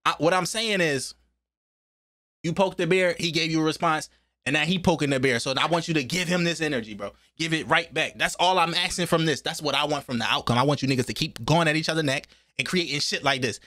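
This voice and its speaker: A man hosting a music reaction video, excitedly breaking off to repeat and unpack lyrics in casual commentary. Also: fairly high pitch, fast, dry recording, clean studio sound. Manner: frequent "you know what I'm saying" filler.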